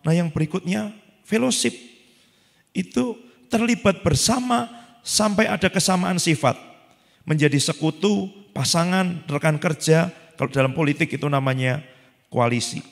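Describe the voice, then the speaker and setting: Gravelly pastor in an echoing church hall. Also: male voice, on the high side, moderate pace, long pauses. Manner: animated, acts out quotes. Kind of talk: sermon. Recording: long church hall reverb.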